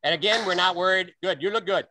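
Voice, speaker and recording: A man coaching a virtual sword-fighting practice on a video call, explaining and demonstrating with sharp bursts of breath. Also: sits high, fast.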